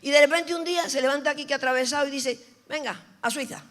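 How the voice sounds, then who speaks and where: A woman pastor preaching an animated sermon, telling stories and teasing her audience. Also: high-pitched, rapid-fire. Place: large church hall. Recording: reverberant hall.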